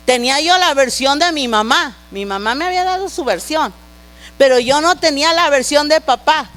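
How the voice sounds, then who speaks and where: A middle-aged woman preacher with a high voice delivers an emotional testimony from the pulpit, talking directly to her congregation and building to fervent intensity. A low mains hum runs faintly beneath her voice. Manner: emotional, grows louder and more intense. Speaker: pastor and prophet. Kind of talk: sermon. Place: church.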